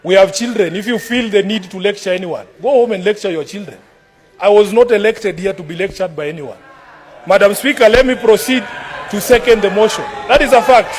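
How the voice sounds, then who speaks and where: A man's voice: sits high, brisk, soft background music. A man with a Kenyan accent delivering a combative, declamatory speech in a formal parliamentary debate as an opposition senator. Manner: combative, declamatory, repeats formal address to the chair.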